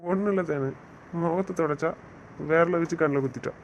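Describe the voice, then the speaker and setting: A man's voice: a little high, fairly quick, natural voice. A man playing a stern but loving young husband who lectures and then coaxes, in an audio drama recorded on a dull lo-fi track. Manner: scolding, lecturing, then coaxing. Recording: dull lo-fi recording with faint noise.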